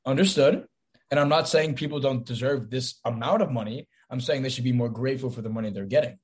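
A man's voice: medium pitch, quick pace. A young man hosting a casual sports podcast, teasing and confident, steering it from segment to segment. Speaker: podcast host.

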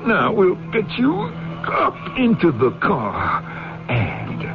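A man's voice: high-pitched, wildly swooping pitch, slow, exaggerated voice. An actor playing a jealous man who mutters to himself as he plots to kill his rival, in a radio drama. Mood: scheming. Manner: brooding, muttering to himself in asides. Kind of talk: 1980s radio drama acting. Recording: dull old radio recording with music.

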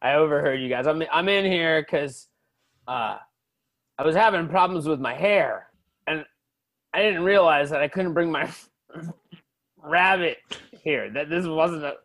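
A man's voice: a little high, measured pace, long pauses, a bit bright. A man playing a friendly, confused, stoned male patient who rambles hesitantly in an improvised comedy sketch. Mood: sheepish, friendly.

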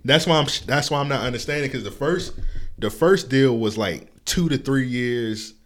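A man's voice: medium pitch, normal speed. A man chatting casually about football, blunt and cursing freely. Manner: blunt, casual, swears a lot. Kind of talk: casual sports chat.

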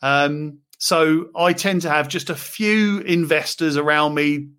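Man, UK, slightly higher voice; casual interview guest, loose and chatty, lots of fillers. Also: fairly even intonation, slow, fairly bright tone, clean tone. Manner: chatty, frequent fillers and restarts. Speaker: property investor guest.

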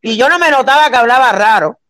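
High-voiced middle-aged Cuban woman. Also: expressive, fast talker, fairly bright tone. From Cuba. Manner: explains, checks with "¿entiendes?". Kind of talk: casual live chat.

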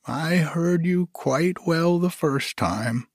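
A man's voice: on the high side, slow pace, no room sound, clean studio sound, pitched above the performer's own voice. A man voicing a fussy male rabbit who answers in a prim, curt, snippy way. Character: male rabbit, fussy, pretending not home.

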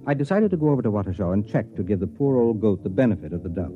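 In a muffled vintage radio recording with music, a man acts the lead role and narrates in the first person as a sardonic, impatient university administrator. His lowish, natural voice is expressive and racing, delivering the story with wry, dry wit in classic radio drama fashion.

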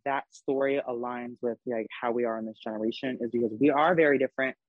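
A man's voice: medium pitch, steady tone, fast talker, no echo, phone-quality sound. A young man hosting a casual podcast chat, talking emphatically and swearing freely. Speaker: podcast host.

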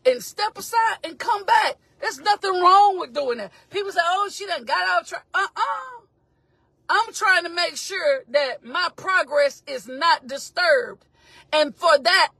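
A woman preacher, giving a motivational sermon with call-and-response, shouting and half-singing. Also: very high-pitched, gravelly, dry recording.

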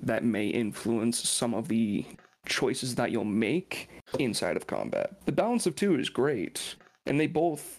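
A man's voice: mid-range voice, darkish tone. A man co-hosting a casual podcast debate, laying out his case persuasively. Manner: persuasive, building up scenarios. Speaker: podcast co-host.

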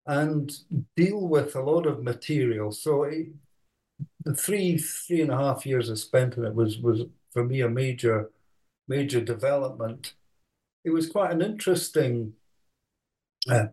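An older man from Scotland, an author answering interview questions in a thoughtful, halting way with many fillers. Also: medium pitch, darkish tone. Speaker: author and researcher.

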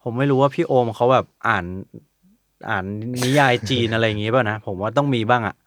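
A man's voice: mid-range voice, a little fast, no echo. Brief: easygoing male guest, medium voice, dry close recording. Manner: relaxed, explains with anecdotes. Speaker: musician guest. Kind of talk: casual conversation.

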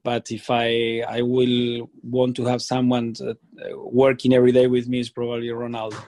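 A man from Argentina with an Argentine Spanish accent, a chef answering interview questions in a hesitant, halting way with many fillers. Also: medium pitch, monotone, mellow. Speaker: chef, guest.

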